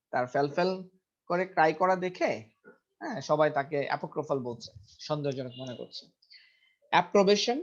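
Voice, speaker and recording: A man teaching English vocabulary in a casual lesson, repeating each word several times and checking pronunciation aloud. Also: a little high. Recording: dull lo-fi recording.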